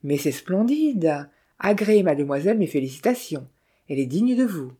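A suave French count, gallant and gushing, as a narrator puts him on. He is cheerful and flattering, with a mellow, dark tone for a storybook. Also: mid-range voice, normal speed, close to an everyday voice.

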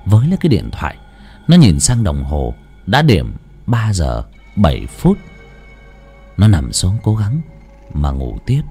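Male storyteller, low and husky, lively delivery, faint music under. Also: a little slow. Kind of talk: ghost story narration.

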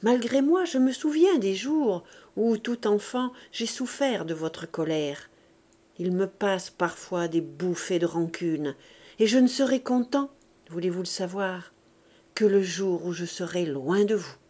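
A woman narrating an audiobook in a measured, expressive way. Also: mid-range voice. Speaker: audiobook reader.

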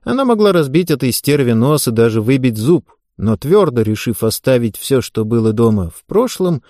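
A man narrating an audiobook in an even, measured reading. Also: medium pitch, no echo, clean studio sound. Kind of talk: scripted narration.

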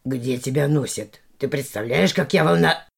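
A woman voicing a stern, protective male raven in a storybook reading, with a low, grave voice and curt questions. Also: normal speed, creaky, breathy edge, exaggerated voice.

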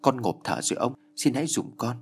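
A man's voice: mid-range voice, expressive, fairly quick, a little hiss or hum, close to an everyday voice. A man voicing a frightened young woman who cries and pleads, in a storybook reading. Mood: pleading. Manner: crying, begging.

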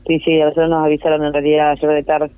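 Speaking quickly and smoothly in a deep monotone, this Uruguayan woman answers a phone interview as a neighborhood representative. Her speech is full of fillers and false starts, and the line sounds tinny and dry.

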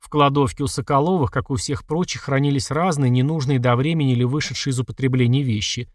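A man narrating a horror audiobook with expressive, lively delivery. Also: medium pitch, quick pace, no echo, studio quality.

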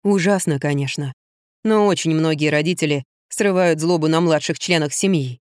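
A woman reading an audiobook, voicing a tired, level-headed woman friend who explains things calmly. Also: deep voice, normal speed, no room sound, clean studio sound, voice pushed down, close to an everyday voice. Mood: weary. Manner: weary, calm explaining.

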